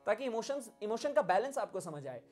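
A man's voice: high-pitched, sing-song, fairly quick, darkish tone. A man with an Indian accent giving a spoken music lesson, acting out emotions and lines of dialogue as he explains. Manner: demonstrative, acts out emotions and lines. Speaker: music teacher.

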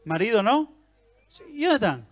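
An Argentine man works a live theater crowd in a stand-up set, teasing people in the seats and chatting with them. His voice sits high for a man and swings widely up and down as he talks. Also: sing-song, moderate pace. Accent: Argentine Rioplatense Spanish. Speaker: stand-up comedian. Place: theater stage before a live audience.

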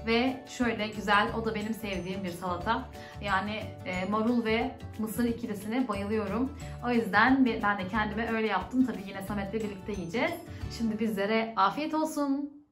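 A woman's voice: medium pitch, brisk, roomy sound, over music. A woman vlogger chatting casually at home, talking on in an upset, ranting way. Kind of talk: casual vlog chat.

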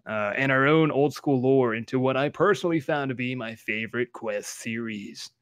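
A man's voice: mid-range voice, normal speed, fairly bright tone. A man co-hosting a casual gaming podcast on a call, joking and swearing, reading lore aloud with mock drama. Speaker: podcast co-host.

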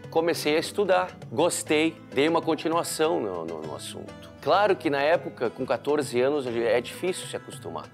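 Earnest man with a gravelly voice. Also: a little high, very animated, normal speed, hardly any pauses, soft background music. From Brazil. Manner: earnest and heartfelt. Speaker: entrepreneur and law student. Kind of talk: documentary interview. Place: living room at home, indoors.

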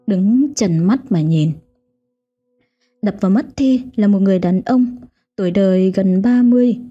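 Mellow, husky woman telling a ghost story. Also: mid-range voice. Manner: dramatic storytelling. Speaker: storyteller host. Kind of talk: scripted ghost story narration. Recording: dull lo-fi audio with faint music.

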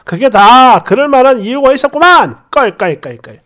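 A woman's voice: high voice, sing-song, a little slow. Woman putting on a mocking father-in-law, boisterous and smug, storybook style, swoops up and down. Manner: boisterous teasing laugh in the voice.

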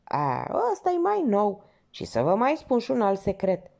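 A woman's voice: mid-range voice, wildly swooping pitch, gravelly, a little mellow, pitched above the performer's own voice, full character voice. A woman voicing a fawning, gossipy older male theater porter in a novel she reads aloud. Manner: obsequious, gossipy, exclaiming.

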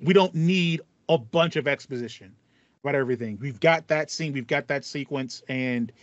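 Medium in pitch and normal in speed, this man in his thirties chats about video games as a podcast co-host, rambling with enthusiasm and repeating phrases. His headset call audio from a small home room fitted with acoustic foam is slightly muffled, without echo.

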